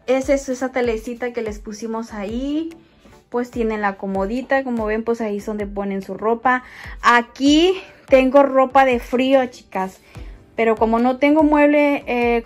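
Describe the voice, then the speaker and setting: Chatty woman giving a home tour. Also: on the high side. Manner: chatty, addresses viewers as friends, walking while filming. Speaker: vlogger. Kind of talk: casual house tour vlog. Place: small home indoors. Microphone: phone held in hand.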